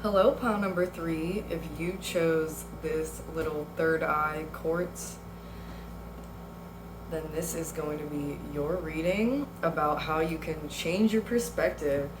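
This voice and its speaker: A low-pitched woman talks through a tarot reading in an unhurried, chatty way. She fills her sentences with little pauses and soft laughs. Her tone stays loose and conversational. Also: fairly even intonation, reverberant, background noise. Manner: chatty, laughs easily, many fillers. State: has the hiccups. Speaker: tarot reader. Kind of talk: casual spoken tarot reading.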